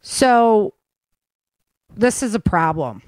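An American woman runs a casual podcast news roundup, chatting directly to listeners and tossing in opinionated asides. Her mid-range voice is darkish and sing-song, and she speaks very slowly. The recording is dry and of low quality.

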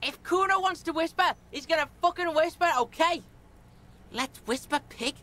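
A woman's voice: extremely high pitch, moderate pace, sharp tone. A woman doing a foul-mouthed cocky street boy. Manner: swaggering, crude, refers to himself by name. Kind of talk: video game voice acting.

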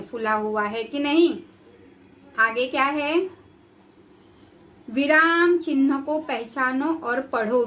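A woman's voice: a little high, bright, forceful tone, a little hiss or hum. Woman teacher explaining a Hindi lesson. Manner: explains each word in simple Hindi mixed with English. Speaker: school teacher. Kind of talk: recorded online class lesson.

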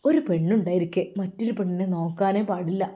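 A woman voicing an older, loving and pious mother who speaks tenderly and preaches gently. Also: fairly low pitch, fast, natural voice. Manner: tender, pleading, softly preaching.

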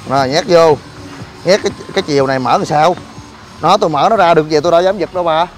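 Exasperated joking man, high voice. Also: fast talker, faint music behind. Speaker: vlogger and gym owner. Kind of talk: casual complaining vlog. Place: outdoors by a car at a gym.

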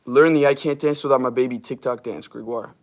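A hoarse, slightly strained young man in his twenties, medium-pitched and brisk with fairly even intonation, reads viewer comments on his livestream. He rambles casually, filling gaps with fillers and laughter. The sound comes through a device camera held at arm's length in a small wood-paneled garage room.

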